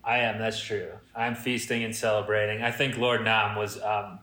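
A man's voice: lowish voice, level tone, normal speed, bright, forceful tone, reverberant. A man co-hosting a comedy podcast in casual improvised chat, with a jokey mock-regal manner. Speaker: podcast co-host.

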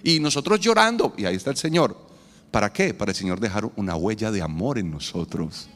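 A man preaching a sermon as a pastor, with a playful, animated delivery that acts out quoted voices. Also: fairly low pitch, fairly quick. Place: church hall. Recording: long reverb in a church hall, faint noise.

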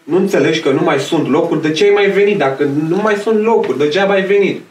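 A man's voice: a little mellow, a little hiss or hum, natural voice. A man putting on a scolding older cleaning lady. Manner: shrill, scolding, dismissive. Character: gruff older female school cleaning lady. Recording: roomy echo, distant mic, faint music.

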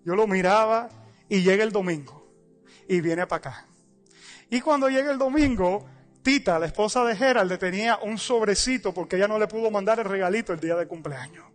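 A man, a pastor preaching a sermon and telling a story with lively acted-out dialogue. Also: high-pitched, brisk, faint music behind. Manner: animated storytelling, acting out dialogue.

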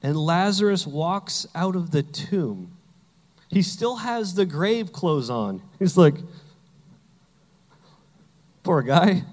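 A man's voice: high-pitched, big-room sound. A man preaching a sermon as pastor, telling Bible stories with humor and acting out the characters.

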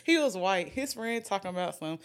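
A woman's voice: mid-range voice, expressive, fairly quick. A young woman hosting a podcast, chatting casually, swearing and laughing a lot. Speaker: podcast host. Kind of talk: casual chat.

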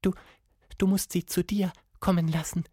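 A man voicing a sad, shivering female monkey in a children's story, speaking softly and gloomily. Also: high voice, little pitch movement, moderate pace, husky, no echo, studio quality, voice pushed up. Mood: sad, hushed. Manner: soft, hushed and gloomy.

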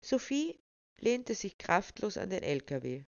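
A woman's voice: mid-range voice, very animated, measured pace, gravelly, dry recording, muffled recording. A woman storyteller reading a children's story aloud expressively.

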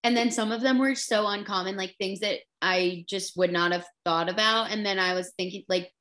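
A woman's voice: medium pitch, steady tone, fairly bright tone. A young woman co-hosting a casual chat podcast, laughing a lot and filling her speech with "like". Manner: laughing, filler-heavy, quick agreeing. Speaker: podcast co-host.

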